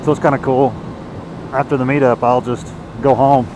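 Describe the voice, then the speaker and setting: A man's voice: medium pitch, little pitch movement, normal speed. Man motovlogging from inside his helmet. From United States. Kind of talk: casual rambling vlog while riding. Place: outdoors, riding a motorcycle on the road. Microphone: inside a motorcycle helmet. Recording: noisy helmet mic with vehicle noise. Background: engine and road noise.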